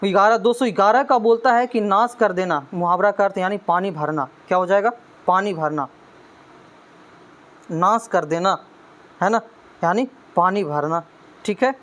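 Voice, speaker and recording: A man's voice: sits high, a little slow, pauses often, a bit bright. A man teaching an exam-prep lesson, constantly checking in with "है ना" and urging students to study hard. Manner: constant "है ना" tag questions, coaxing students.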